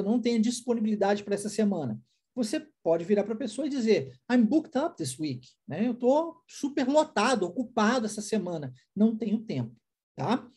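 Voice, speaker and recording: A woman teaching an online language lesson. She explains patiently, drills pronunciation by repeating words slowly, and keeps checking in with the listener. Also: fairly high pitch, mellow, husky. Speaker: English teacher.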